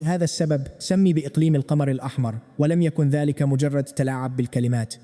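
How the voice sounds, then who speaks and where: Male recap narrator, dramatic first-person storytelling, fairly high voice, long reverb tail. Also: fast, warm tone.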